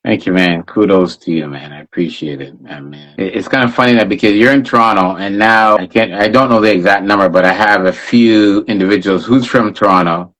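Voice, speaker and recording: A man's voice: sits low, brisk, hardly any pauses, fairly bright tone, low-quality recording. A man hosting a live interview conversation in a friendly, affirming, conversational way. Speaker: interview host.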